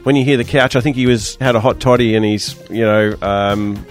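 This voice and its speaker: An Australian man with a croaky, hoarse voice hosting a radio show in a casual, chatty, joking way. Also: lowish voice, steady tone, fairly quick, soft background music. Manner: chatty, loose, jokey banter. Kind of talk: casual panel-show presenting.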